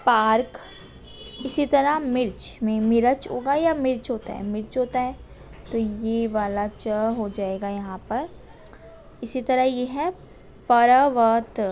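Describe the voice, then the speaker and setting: A woman teacher giving a recorded lesson to young children, speaking slowly and patiently and repeating words for the pupils. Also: fairly high pitch, darkish tone, a little hiss or hum.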